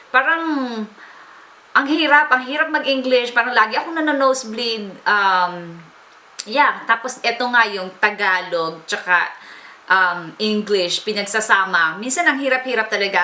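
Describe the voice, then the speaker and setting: A young Filipino woman vlogs to her camera, easily mixing Tagalog and English and dropping in plenty of fillers. Her voice is bright and forward. The room gives it a noticeable echo. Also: a little high. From Philippines (Baler, Aurora). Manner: chatty, mixes Tagalog and English, many fillers. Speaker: vlogger. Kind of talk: casual Taglish vlog talk to camera. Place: home room in the US. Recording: roomy echo.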